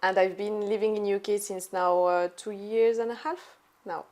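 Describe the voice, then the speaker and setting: A young woman, speaking as an interview guest. Her talk is chatty and loose, strung together with "so" and "like." Her pitch sits in the middle of the usual range. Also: little pitch movement, normal speed, a little mellow. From born in Algeria, raised in France. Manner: chatty, many "so" and "like" fillers. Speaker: guest, entrepreneur. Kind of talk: casual conversational storytelling.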